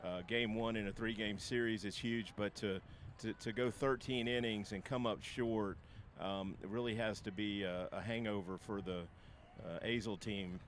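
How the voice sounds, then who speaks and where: A man opening a local baseball broadcast in a relaxed, halting way with many fillers, recorded outdoors with faint traffic behind him. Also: on the low side. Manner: relaxed, hesitant, lots of uh fillers. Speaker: play-by-play broadcaster. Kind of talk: casual broadcast chat.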